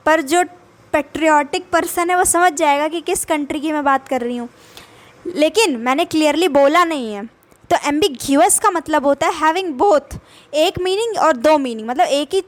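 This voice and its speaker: Young indian woman explaining english words, high voice, patient and repeats herself a lot. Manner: explains patiently with restarts and repetition. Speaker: English vocabulary teacher. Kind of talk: casual explanatory lesson. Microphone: voice-over, speaker not seen.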